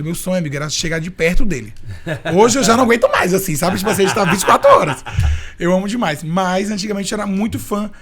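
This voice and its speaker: A young man from Recife, a chef and podcast guest, telling his story in a playful, expressive and talkative way. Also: sits high. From Recife, Brazil. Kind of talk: casual interview storytelling.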